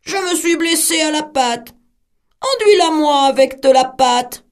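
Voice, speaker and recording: Sly male wolf, woman storyteller voicing him, coaxing, bright high voice. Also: expressive, unhurried. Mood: demanding. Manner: coaxing, then threatening. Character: sly hungry male wolf posing as mother.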